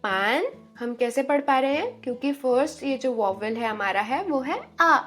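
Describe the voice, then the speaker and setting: A woman giving an online language lesson, drawing out each word slowly and asking the viewers questions. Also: sits high, lively intonation, a bit bright, faint music behind. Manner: slow, drawn-out spelling of each word; encouraging, asks questions to viewers. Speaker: language teacher.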